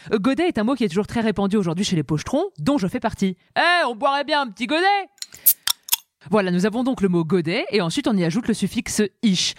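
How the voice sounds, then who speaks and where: A woman hosting a comic monologue about the origins of insults, talking in a lively, playful, self-mocking way. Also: medium pitch, no echo. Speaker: host.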